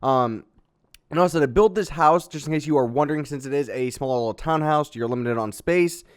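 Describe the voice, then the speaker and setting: A man casually narrating a step-by-step building tutorial in a relaxed, chatty way, with fillers and little sound effects. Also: on the high side, fairly quick, clean tone. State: has the hiccups. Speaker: Minecraft building tutorial host.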